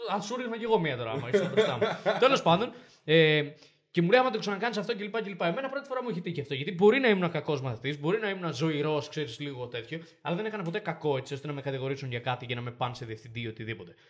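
This young man co-hosts a casual podcast, telling stories with animation and acting out the people in them. His voice is a little high and expressive.

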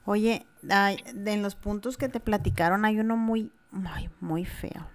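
A woman's voice: medium pitch, flat delivery, moderate pace. Mexican woman co-host, candid and earnest, casual chat with filler words. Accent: Mexican Spanish. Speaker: podcast co-host, mother. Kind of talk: casual conversation.

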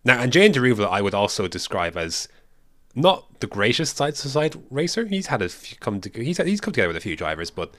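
This young motorsport podcast co-host speaks briskly in a medium pitch, and there's no echo on the recording. He's animated and opinionated in casual conversation, flipping between enthusiasm and dry comments.

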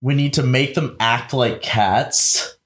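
A man's voice: mid-range voice, slow pace, fairly bright tone. A man reviewing a movie in casual chat, rambling with many fillers, swearing and laughing often.

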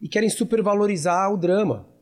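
A man's voice: high-pitched, fairly quick. A man hosting a casual chat, talking back and forth and laughing while acting out quotes.

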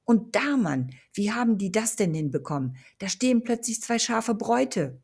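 A woman voicing a brash, excitable young man who talks loudly in slang. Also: on the high side, moderate pace, breathy edge, voice pushed up, exaggerated voice. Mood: excited.

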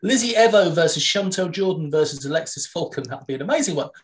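A woman's voice: on the low side, animated. Woman co-host reading wrestling match lists. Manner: reads match lists briskly with dry jokes. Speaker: podcast co-host. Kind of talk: casual news roundup.

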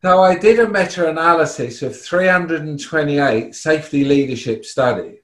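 A man's voice: a little high, moderate pace. Explanatory man in an echoey room. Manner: explanatory, conversational. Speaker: panelist, researcher. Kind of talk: explaining research in a panel.

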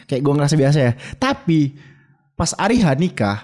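A man in his twenties chatting casually as a podcast guest, joking and putting on lively voices when he quotes people. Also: a little high, normal speed. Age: 20s. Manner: joking, animated when quoting others. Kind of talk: casual chat.

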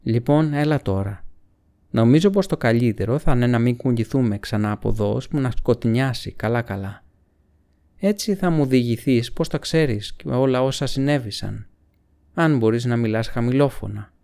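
Man doing hobbit, hushed, calm, earnest, gravelly, storybook. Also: medium pitch. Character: grave, wise young male hobbit.

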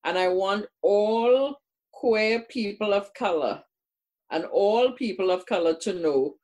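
A woman's voice: mid-range voice, animated, takes it slowly, darkish tone. An older woman from Trinidad and Tobago, a guest in casual conversation who speaks earnestly and repeats words for emphasis. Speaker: guest, community workshop presenter.

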